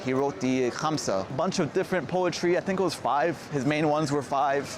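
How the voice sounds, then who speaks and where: Strolling a city street as a travel vlogger, a man chats casually at normal speed in a slightly high voice. Crowd noise, vehicles, and general street noise surround him.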